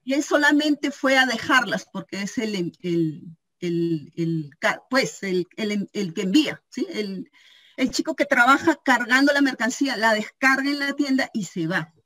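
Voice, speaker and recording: Woman on a video call telling stories in a training session, slightly high voice, keeps asking "sí?". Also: a little slow. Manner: animated storytelling, acting out quoted voices, frequent "¿sí?" check-ins. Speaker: cooperative store member giving a training talk. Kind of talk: informal training talk with anecdotes.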